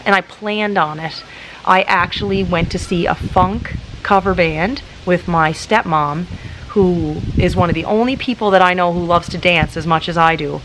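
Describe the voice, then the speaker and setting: In her late thirties, a YouTuber with a fairly low-pitched voice chats casually to camera for a vlog, calm and practical and saying "like" a lot. She's outdoors in a garden in front of hedges, with some wind.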